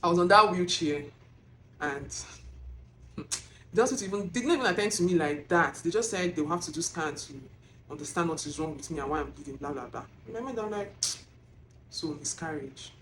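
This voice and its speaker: A woman with a Nigerian accent filming herself as she tells a personal testimony, emotional and animated, close to tears. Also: lowish voice, a little fast, a little hiss or hum. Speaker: vlogger. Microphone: self-filmed camera.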